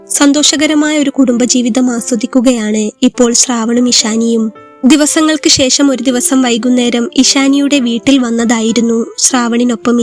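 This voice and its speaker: A woman narrating a romantic story in a calm, steady reading voice. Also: on the high side.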